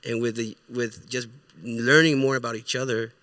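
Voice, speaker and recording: A man's voice: mid-range voice, steady tone, normal speed, a bit bright, dry recording, studio quality. A middle-aged man from Ecuador with a Spanish accent, a guest in a casual interview, speaking earnestly and searching for his words. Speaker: guest, music producer and artist.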